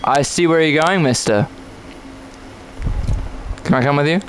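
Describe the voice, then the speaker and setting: Male gamer, fairly high voice, playful running commentary, faint background hiss. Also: measured pace, low-quality recording. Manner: playful, jokey, talks to himself and to other players. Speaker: gamer commentating his own play. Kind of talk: casual gameplay commentary.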